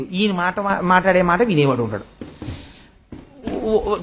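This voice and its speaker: An older man giving a spiritual discourse, telling stories and acting out the voices of the people in them. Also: sits high. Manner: animated storytelling, acts out quoted voices. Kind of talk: Telugu religious discourse. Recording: dull lo-fi recording.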